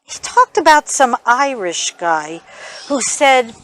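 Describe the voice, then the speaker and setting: An actress playing a gentle, hesitant older woman in a stage play, stammering softly as she offers comfort. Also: on the high side, big pitch swings, takes it slowly, heavily acted, low-quality recording. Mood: earnest. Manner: hesitant, stammering, soft-spoken.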